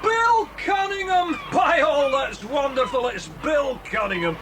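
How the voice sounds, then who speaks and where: An actor playing a bluff, hearty colleague of the hero in a children's audio drama. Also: male voice, very high voice, animated, unhurried. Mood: delighted. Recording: noisy 1980s cassette drama.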